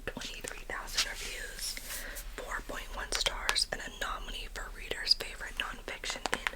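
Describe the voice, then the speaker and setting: A woman doing a whispered role-play as a librarian, speaking in a soft, breathy library whisper with a gentle, unhurried manner. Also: rough recording. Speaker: librarian in a role-play, recommending and checking out books.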